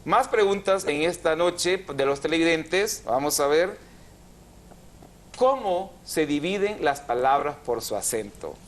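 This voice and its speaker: A man's voice: on the high side, lively intonation, a little slow. A man hosting a TV language program, explaining grammar patiently and drawing out syllables. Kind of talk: didactic TV chat.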